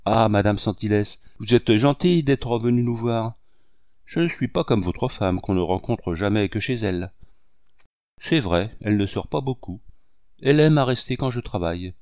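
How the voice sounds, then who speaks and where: A man's voice: on the low side, normal speed, darkish tone, no echo, lightly acted. A man reading a courteous middle-aged painter. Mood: welcoming.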